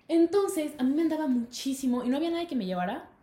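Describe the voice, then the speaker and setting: A young woman with a Mexican Spanish accent, co-hosting a casual podcast and telling stories in a giggly, animated way. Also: high voice, quick pace, roomy sound. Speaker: podcast co-host. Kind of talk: casual chat.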